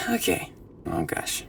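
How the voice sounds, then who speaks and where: Gravelly-voiced woman chatting on stream. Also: a little high, pushed and bright. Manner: chatty, laughs often, mutters to herself over technical glitches. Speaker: music composer live-streaming in VR. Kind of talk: casual live-stream chat.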